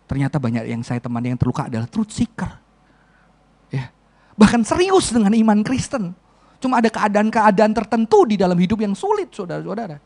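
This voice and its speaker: Man, preacher, storytelling sermon, high voice, very lively pitch. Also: a little fast, gravelly. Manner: animated, acts out quoted voices and laughs often.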